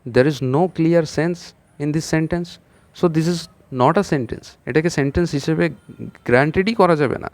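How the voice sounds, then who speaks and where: A man's voice: on the high side, measured pace, no echo. Man teaching English spelling in Bengali. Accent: West Bengal Bengali. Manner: explains patiently, spells words letter by letter and asks the class questions. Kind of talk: exam-prep English lesson taught in Bengali.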